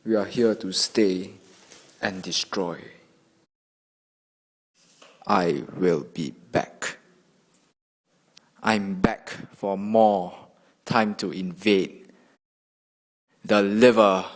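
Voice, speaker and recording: A man playing a boastful tuberculosis bacterium as a theatrical villain with slow menace in an amateur educational skit. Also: low-pitched, steady tone, heavily acted. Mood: gloating menace.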